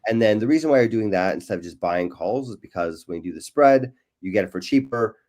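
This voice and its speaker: Deep-voiced man, casual explainer, leans on "right?" and fillers. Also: expressive, quick pace, a little mellow. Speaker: guest explaining trading algorithms. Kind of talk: casual interview chat.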